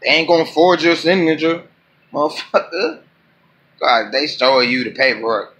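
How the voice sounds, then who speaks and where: A man rants through a reaction video, swearing freely and arguing with what he sees. His voice sits a bit high and comes across forceful and bright, with a faint hiss of room noise behind him. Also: normal speed. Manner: profane, animated ranting. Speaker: YouTuber reacting to a clip. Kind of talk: casual reaction commentary.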